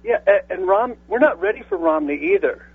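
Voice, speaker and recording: A man's voice: high voice, wildly swooping pitch, fairly quick, no echo. A man calling into a radio talk show, hesitant and stumbling over his words. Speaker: caller. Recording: husky tinny phone line.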